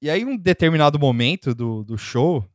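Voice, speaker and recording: A man's voice: a little high, lively intonation, moderate pace, no echo, clean studio sound. A man telling a story in a casual chat, rambling with many fillers and frequent laughs.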